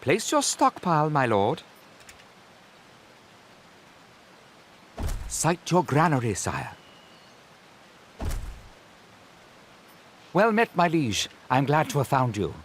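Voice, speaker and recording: A loyal game retainer, fairly high and very animated, giving deferential instructions to his lord. He sounds earnest and urgent, over faint noise. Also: moderate pace. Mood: earnest helpful. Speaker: tutorial guide.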